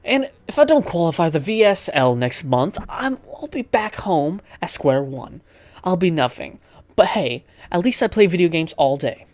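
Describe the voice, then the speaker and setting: Very animated and speaking at a normal speed, this gamer narrates a visual novel in a medium-pitched, somewhat dark voice with no echo. The read-aloud keeps tripping over the text and breaking off into rambling commentary.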